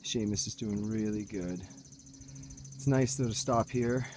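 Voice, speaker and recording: A young man with a fairly low voice narrates a hiking vlog at an unhurried pace to a handheld camera, chatty and relaxed as he points things out on forest trails and around camp. Heavy background noise fills the outdoor recording.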